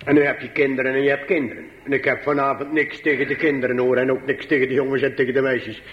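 Dramatic preacher on a dull old broadcast. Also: male voice, fairly even intonation, fast, a little hiss or hum. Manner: dramatic pitch swings, high pleading and low asides. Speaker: pastor. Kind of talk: sermon.

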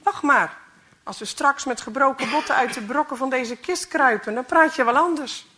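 A woman's voice: high-pitched, normal speed, pushed and bright, pitched above the performer's own voice. Grumpy cynical male mechanic in a storybook reading, read by a woman; scornful grumbling.

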